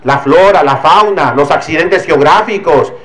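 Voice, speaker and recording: A man's voice: a little high, unhurried, a bit bright, rough recording. A man preaching a sermon as a priest. He scolds and admonishes, and he uses homely everyday examples.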